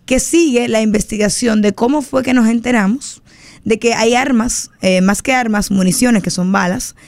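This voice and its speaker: A Dominican woman politician, a guest on a radio talk show, speaking in a lively way and repeating herself for emphasis. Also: fairly high pitch, creaky, no echo. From Dominican Republic. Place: radio studio booth.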